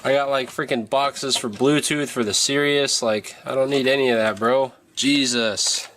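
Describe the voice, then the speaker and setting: A man's voice: medium pitch, fairly even intonation, moderate pace, a bit bright, slight background noise. A man hosting a casual car vlog, talking like a frat bro with dude slang and swearing. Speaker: host of a car project vlog.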